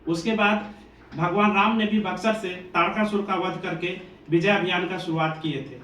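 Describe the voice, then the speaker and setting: Earnest high-voiced man from Bihar. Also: moderate pace, fairly bright tone. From Bihar, India. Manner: earnest, devotional, preachy. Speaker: coaching institute teacher. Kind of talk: motivational address to students. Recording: echoey room, distant mic, faint ambient noise.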